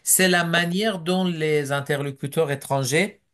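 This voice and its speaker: A man interpreting a speaker's remarks in a webinar, relaying each point in measured, formal phrasing with small hesitations. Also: on the high side, fairly bright tone.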